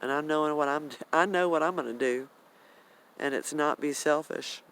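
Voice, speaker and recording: An older American man in his sixties or beyond, talking bluntly and emphatically in a rambling personal vlog, with drawn-out pauses. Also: fairly high pitch, a bit bright, low-quality recording. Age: 60s or older. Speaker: vlogger. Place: outdoors in a garden swing in the wind. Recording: windy outdoor noise. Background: wind and outdoor ambience.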